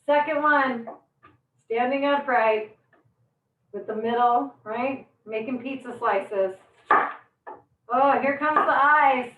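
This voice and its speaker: Teaching a live cooking class online, a woman with a high-pitched voice speaks at a slow pace with long pauses, bubbly and chatty and laughing at her own jokes. Chopping onions has her teary-eyed, and the audio is narrow and tinny in an echoey room.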